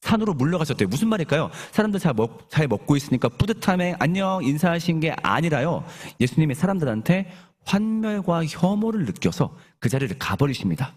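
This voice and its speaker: A man's voice: fairly high pitch, big pitch swings, fairly quick, hardly any pauses. A male pastor preaching a sermon in a conversational, storytelling way, often asking the congregation questions and leading them in reading scripture aloud together. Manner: questions the congregation and leads group Bible reading.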